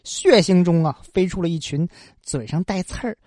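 A woman narrating a folk tale in an expressive, colloquial way with frequent interjections. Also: fairly low pitch, moderate pace, no room sound, studio quality. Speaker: storyteller.

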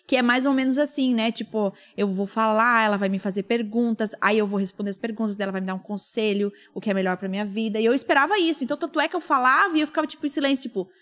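A woman's voice: fairly high pitch, fast, few pauses. A woman telling a story in casual chat, acting out the lines of the people in it. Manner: animated storyteller, acts out quoted dialogue.

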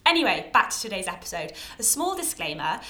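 A British woman in her early twenties hosts a chatty, informal podcast monologue, effusive and self-deprecating. Her medium-pitched voice swings widely, moving fairly quickly with a sharp tone. She records at home under a towel on a podcast microphone she bought herself, and the result sounds echoey and homemade.

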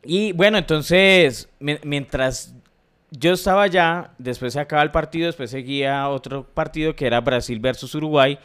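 A man's voice: on the high side, moderate pace, a bit bright, clear, resonant tone. A man with a Colombian accent, co-hosting a podcast in slangy, joking casual chat. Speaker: podcast co-host.

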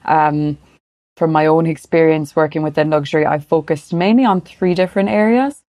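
A woman's voice: low voice, normal speed, warm tone. A woman from Galway with a west of Ireland accent, speaking conversationally as an interview guest. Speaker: podcast guest, luxury marketing professional.

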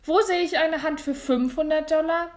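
A woman voicing a flustered middle-aged male auctioneer who calls out bids loudly and eagerly, read as a storybook. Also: high-pitched, normal speed, voice pushed up, natural voice. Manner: loud, eager auction calling.

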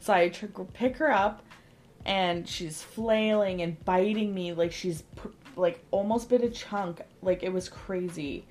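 A woman's voice: on the low side, unhurried. A woman in her thirties casually telling a rambling story on a podcast, full of "like" fillers. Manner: rambling, lots of "like" fillers, animated retelling. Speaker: podcast co-host.

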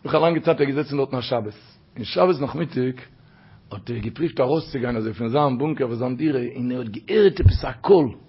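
A man telling stories in a sermon, dropping low and soft for narration and rising sharply when he quotes. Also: a little fast, husky. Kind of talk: storytelling sermon. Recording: dull lo-fi recording.

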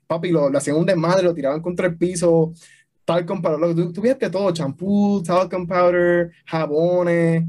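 Young man, higher-pitched voice, animated slangy storytelling. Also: moderate pace. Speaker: podcast guest, army veteran. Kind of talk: casual chat mixing Spanish and English.

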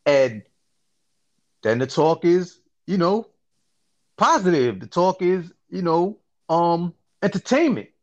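A man hosts a casual podcast, talking in a fairly high voice. He tells his stories in an animated, slangy way and keeps checking in with his listener. The audio sounds dull and lo-fi. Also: slow. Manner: animated storytelling, slangy, frequent "you see what I'm saying". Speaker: podcast host. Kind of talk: casual chat.

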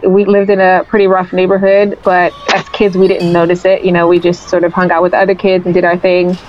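A young Liberian woman who founded a festival chats in a relaxed interview, her fairly low voice moving fairly quickly and peppered with "like" and "you know." The sound is slightly dull and lo-fi, with faint music and a bit of background noise.

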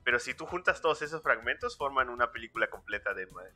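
A man chatting in a relaxed way, his voice sharp and very bright, with plenty of fillers as he talks. Faint music runs under the conversation. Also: medium pitch, fast. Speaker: podcast co-host. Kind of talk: casual chat among friends.

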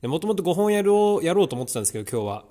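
A man's voice: fairly high pitch, very animated, racing, dark tone, no room sound, clean studio sound. A man talking casually to a vlog about his training, thinking aloud in a reflective, conversational way. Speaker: vlogger.

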